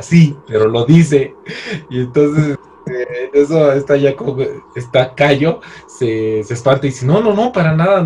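A young man with a Mexican accent in casual chat, reviewing a series, slangy and quick to laugh. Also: medium pitch, a little mellow, a little hiss or hum. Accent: Mexican Spanish. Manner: slangy, laughs often, restarts.

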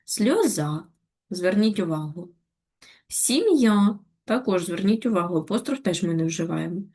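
A woman teacher giving a patient, step-by-step online lesson to young schoolchildren, with gentle reminders. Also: mid-range voice. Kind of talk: online Ukrainian lesson for children.

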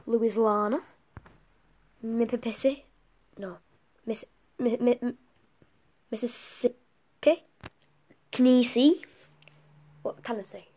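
A woman's voice: on the high side, steady tone, a little slow, pauses often, warm tone. A woman giving a homemade geography presentation, chatty, breaking off into muttered self-corrections and whispered asides. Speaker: student presenting homework.

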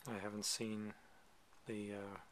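A man with a fairly low voice chats through a photo book page by page, loose and unscripted, pausing often on ums and wandering into asides. He sounds close to a camera mic at a table indoors, with a faint hiss underneath. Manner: relaxed, hesitant, many ums and digressions. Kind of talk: casual show-and-tell commentary.

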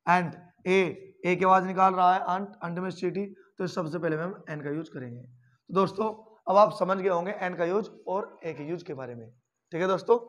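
A man teaching grammar, spelling words out letter by letter and calling his viewers friends. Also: a little high. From India. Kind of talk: classroom-style lesson.

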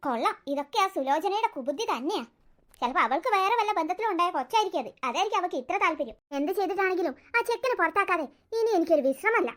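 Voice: extremely high pitch, lively intonation, racing, a bit bright. A voice actor playing a scheming, scolding old grandmother in a cartoon story, nagging and sarcastic. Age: older. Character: scheming, scolding old grandmother who hates the adopted boy.

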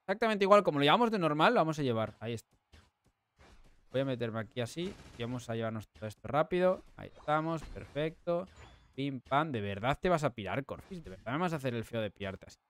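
Excitable Spanish gamer with a lively voice. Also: male voice, medium pitch, quick pace. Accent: Spain Spanish. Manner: excitable, repeats himself, bursts into shouts. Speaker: gaming streamer. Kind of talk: live gameplay commentary.

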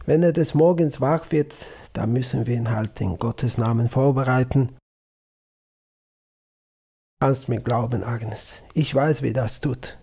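A man reading a story and voicing a stern, steady older father who burns charcoal in the forest, speaking firmly and solemnly. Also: medium pitch, a little slow, creaky, husky. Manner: firm and solemn.

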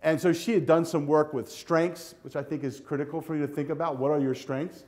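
An older man delivers a keynote from a hotel ballroom stage, his voice pitched a touch high for a man. He talks with lively, coaching energy, speaking straight to the students in front of him. The sound is a close lapel mic. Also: a little fast. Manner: energetic, animated, walks the stage with a handheld clicker. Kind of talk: conference keynote speech. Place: hotel ballroom with a seated audience.

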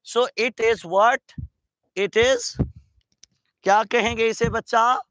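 Slow, high-voiced Pakistani teacher. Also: male voice, steady tone, fairly bright tone, dry recording, low-quality recording. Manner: slow, drawn-out English phrases with frequent quiz questions to students. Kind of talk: classroom lecture.

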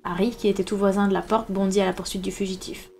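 A woman reading a novel aloud in a steady storybook narration, with small slips here and there. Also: mid-range voice, fast talker, gravelly, slight background noise. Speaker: reader.

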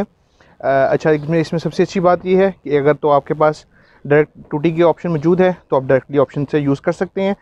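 Out on a street and a rooftop, a man with a Pakistani accent demonstrates a product live, talking through the instructions as he works. His voice is fairly high with a darkish tone, and the lo-fi recording has no room sound.

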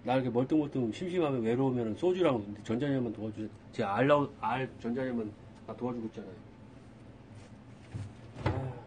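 A man's voice: medium pitch, brisk, pauses often, darkish tone, a little hiss or hum. A young man live streaming, talking casually to his chat, exasperated and scolding, with some swearing.

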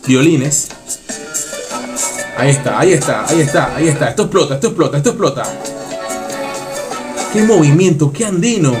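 A man's voice: fairly high pitch, animated, moderate pace, long pauses. A man reacting to a music video in casual commentary, enthusiastic and repeating short phrases. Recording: loud song playing under the voice.

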